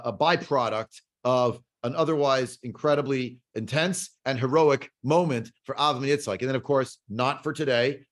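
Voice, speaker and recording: A man's voice: mid-range voice, a bit bright. A man teaching a Bible class over a video call, digressive, full of fillers and rhetorical questions. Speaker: Torah teacher.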